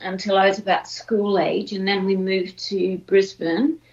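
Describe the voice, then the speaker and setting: A woman's voice: medium pitch, steady tone, a little slow, darkish tone, muffled recording. An Australian woman, a podcast guest, reflecting casually on her past with frequent fillers. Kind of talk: casual interview.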